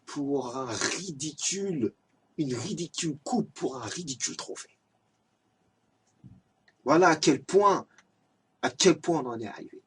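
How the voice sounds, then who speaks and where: Amateur lay preacher, male, raspy and airy, exhorting, recorded from a distance. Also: a little high, animated, a little slow, pauses often. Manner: earnest, exhorting, repetitive. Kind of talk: religious reminder talk.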